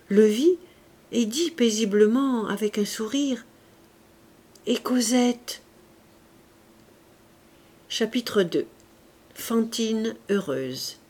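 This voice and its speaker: Woman calmly reading a classic novel. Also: mid-range voice. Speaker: audiobook reader. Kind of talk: literary audiobook narration.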